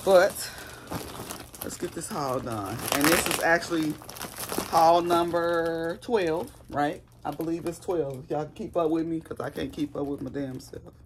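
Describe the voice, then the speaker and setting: Hoarse woman in her forties, chatty haul vlogger who rambles from topic to topic. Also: deep voice, moderate pace, background noise. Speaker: YouTuber. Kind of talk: casual haul vlog.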